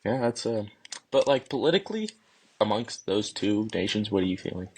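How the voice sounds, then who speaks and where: A man's voice: on the low side, sing-song, brisk, husky. A man co-hosting a comedy sketch as a mock-serious interviewer who asks earnest questions. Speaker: comedy show co-host playing interviewer.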